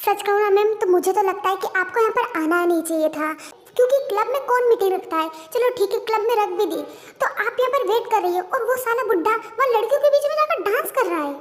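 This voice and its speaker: A woman's voice: extremely high pitch, expressive, fast talker. A woman voicing a timid, eager young female office employee in an audio story, speaking politely and apologetically. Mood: chatty. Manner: pleading, apologetic. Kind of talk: Hindi fan-dub audio story.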